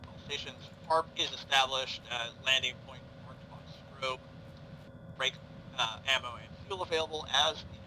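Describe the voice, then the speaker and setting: A man playing a helicopter pilot in a military game, making halting, procedural radio calls. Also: medium pitch. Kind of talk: military radio chatter, gaming. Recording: noisy, vehicle sound behind.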